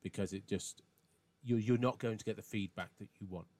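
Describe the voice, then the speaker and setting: A man's voice: lowish voice, fairly quick, a little mellow, no room sound. A man hosting a podcast, talking casually and agreeably, sometimes stumbling over repeated words. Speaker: podcast host.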